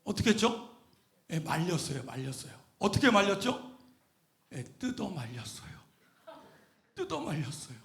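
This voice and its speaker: Animated pastor preaching in an echoey church. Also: male voice, high voice, moderate pace, vocal fry, pauses often. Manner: animated, questions the congregation and shouts at peaks. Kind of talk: lively sermon with call-and-response. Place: church sanctuary.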